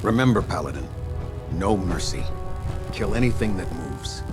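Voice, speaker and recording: An actor playing a grave, disciplined, coolly ruthless military captain in a video game, briefing in a formal, authoritative way. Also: male voice, deep voice, expressive, normal speed, music in the background. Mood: grave, resolute. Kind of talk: scripted video game dialogue.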